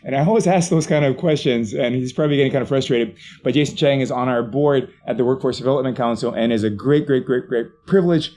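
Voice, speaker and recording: A man's voice: mid-range voice, fast talker, few pauses, dark tone. A man hosting a casual live stream from his home office, chatty and rambling, laughing often. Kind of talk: casual chat.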